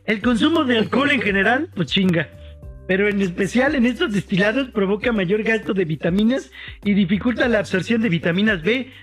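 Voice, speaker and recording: High-voiced joking Mexican man. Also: a bit bright. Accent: Mexican Spanish. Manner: crude joking, reads viewer comments aloud. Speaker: podcast host. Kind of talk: casual chat.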